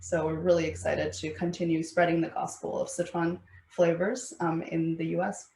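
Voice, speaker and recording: A woman who founded a food company, telling her founding story in a panel interview with a measured pace and frequent pauses. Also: deep voice, little pitch movement, creaky, mellow. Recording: echoey room.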